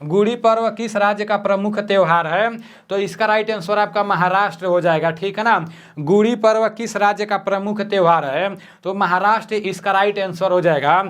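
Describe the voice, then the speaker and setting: Soft-spoken high-voiced male teacher. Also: normal speed, clear, resonant tone. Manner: soft-spoken, repeats each question, frequent "theek hai na". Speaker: exam coaching teacher. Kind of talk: quiz-style exam lesson. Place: at home at night.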